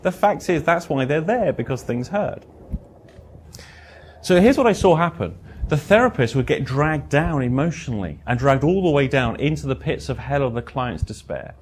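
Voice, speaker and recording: A man's voice: normal speed, slight background noise. Blunt, wry man telling therapy anecdotes. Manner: blunt, wry storyteller who swears; animated, swinging pitch and loudness. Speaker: therapist giving a presentation. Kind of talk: lecture with anecdotes.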